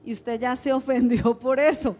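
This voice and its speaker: A woman's voice: sits high, steady tone, normal speed, a little mellow, soft background music. A woman pastor, preaching a sermon in a conversational way, with rhetorical questions to the congregation.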